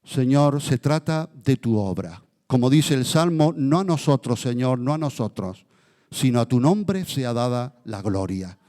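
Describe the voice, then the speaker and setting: A male pastor leading a church prayer, his voice of ordinary pitch. He swings between fervent, mounting declarations and quiet, slow passages. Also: lively intonation, in a large hall. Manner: fervent, rising in intensity then dropping to a hushed, slow prayer. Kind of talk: sermon prayer.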